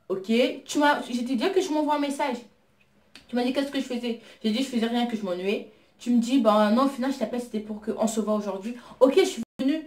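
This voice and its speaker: A woman with a fairly high voice tells a personal story in an easygoing, conversational way, heating up into indignant retellings of her own replies. The room around her has a noticeable echo. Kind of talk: casual storytime chat. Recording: roomy echo.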